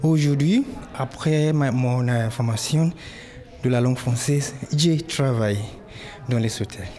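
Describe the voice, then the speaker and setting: A man's voice: medium pitch, measured pace. A man from Nigeria, answering interview questions in learner French with many hesitations and fillers. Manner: hesitant, many fillers, warming up when describing dreams. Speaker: interviewee, dancer and exhibition participant.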